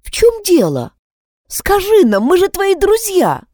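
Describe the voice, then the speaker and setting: Woman reader as a worried teen twin girl, urging, higher lilting voice. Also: wildly swooping pitch, a little slow, mellow, no echo, studio quality, full character voice. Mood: concerned. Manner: earnest, urging. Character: concerned teenage schoolgirl twin. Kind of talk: audiobook character voicing.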